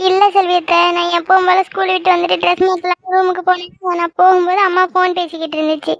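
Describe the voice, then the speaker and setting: A woman's voice: extremely high pitch, flat delivery, fast talker, no room sound, highs cut off. Woman voicing a tearful worried schoolgirl. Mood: anxious. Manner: anxious, pleading.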